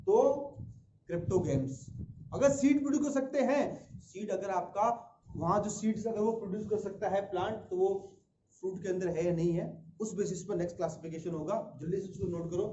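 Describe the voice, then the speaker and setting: A man's voice: high-pitched, mellow, a little hiss or hum. A man teaching a school science class, drilling students with repeated questions and spelling out letter by letter. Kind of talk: classroom lecture. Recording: distant, roomy, dull lo-fi classroom recording.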